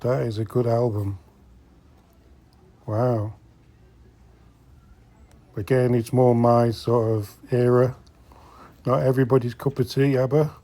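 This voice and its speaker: Browsing a secondhand shop, the host of a vintage collecting vlog, a middle-aged man, offers viewers casual, chatty commentary and occasionally mutters under his breath. His mid-range voice is dark and flat, and he speaks slowly with long pauses.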